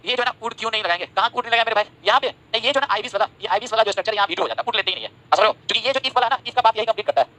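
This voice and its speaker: A man's voice: rapid-fire, hardly any pauses, poor audio. A man teaching English grammar in a live online class. He reads out viewers' comments, repeats phrases again and again, and keeps checking whether his students understand. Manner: repeats phrases, asks "samajh rahe ho" often; drops to a low, soft voice when apologizing. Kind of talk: live-streamed class, reading chat comments.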